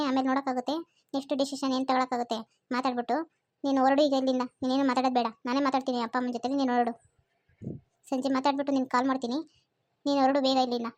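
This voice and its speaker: Rapid-fire young college girl in a cartoon, anxious and scolding, a woman voicing her, high voice. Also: a little mellow, no room sound, natural voice.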